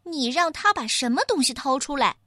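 A boastful little piglet hero, voiced by a woman reading a storybook, high and childlike with a bright, jumpy pitch. The sound is dry and close. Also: expressive, normal speed, no echo. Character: brave, boastful young boy piglet hero.

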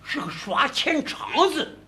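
A man leads a stage crosstalk routine with a very high, sharply bright voice. His pitch swings widely as he plays a clueless country bumpkin bumbling through his story. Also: very animated, slow, gravelly, slight background noise. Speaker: lead comedian in a crosstalk duo.

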